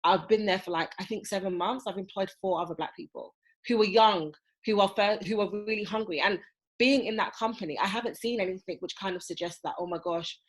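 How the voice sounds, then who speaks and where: A woman appearing as a podcast guest, speaking earnestly and weighing her views out loud. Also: medium pitch, fairly quick. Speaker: podcast guest, diversity specialist. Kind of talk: conversational podcast interview.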